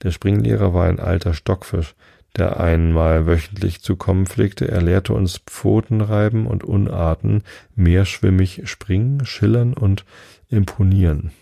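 A mournful mock turtle sighs through his school memories in a low, dark rumble, voiced by a man reading aloud. He drags each word as if close to tears. The voice is dry and close. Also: fairly even intonation, creaky, no room sound, heavily acted. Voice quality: slow, mournful and tearful. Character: sad sighing male mock turtle creature.

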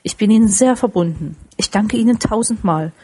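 A woman's voice: mid-range voice, brisk, warm tone, slightly rough, lightly acted. Scrooge, a woman doing a jolly old miser. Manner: cheerful, effusive, courteous. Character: elderly male miser, suddenly jolly and kind.

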